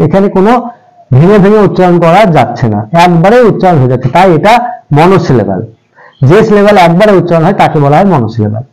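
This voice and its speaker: A man teaching English grammar, explaining patiently, repeating each point and stretching example words out slowly. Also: a little high, darkish tone, poor audio. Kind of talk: classroom-style explanation in Bengali.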